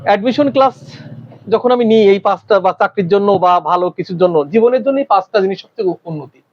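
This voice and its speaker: Male teacher, high-pitched, quizzing a classroom, muffled lo-fi recording. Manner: quizzing the class with rapid questions. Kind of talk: classroom lecture.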